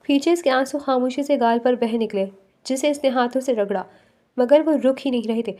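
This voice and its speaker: A woman narrating a novel as a bedtime story, in a steady storytelling manner. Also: sits high, moderate pace.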